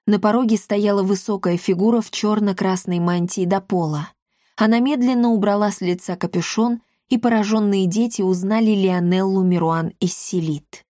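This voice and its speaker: A woman narrating a fantasy audiobook in an even, clear storytelling manner. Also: medium pitch, moderate pace, no room sound, studio quality. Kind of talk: scripted narration.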